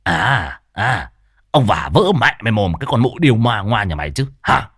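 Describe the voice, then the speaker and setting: A man doing a gruff, low-voiced young village thief. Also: big pitch swings, moderate pace, darkish tone, no room sound, clean studio sound, full character voice. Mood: aggressive. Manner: gruff, sneering and coarse.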